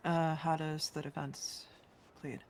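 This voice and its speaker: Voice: mid-range voice, little pitch movement, slow pace. A speaker playing a judge in a role-play court hearing, brief and formal with set phrases.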